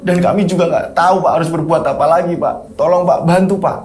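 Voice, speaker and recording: A man's voice: sits high, steady tone, moderate pace, close to an everyday voice. A desperate young man, as a male narrator plays him, pleading through tears again and again. The begging stays whiny and urgent, with a faint hiss behind. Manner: pleading, tearful.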